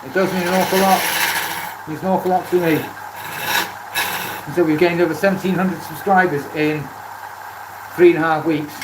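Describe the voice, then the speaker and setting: A Welsh man, a beginner woodturner, chats casually on a livestream while working in an indoor workshop, often repeating phrases for emphasis. His tone is steady and his pace moderate, with long pauses. The room is echoey and loud with the rumble of a lathe motor.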